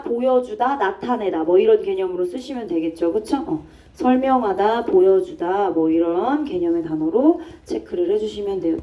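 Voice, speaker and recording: A woman's voice: mid-range voice, mellow, distant mic, rough recording. A woman teaching an English grammar lesson to a class, explaining step by step and asking and answering her own questions. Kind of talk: classroom lecture.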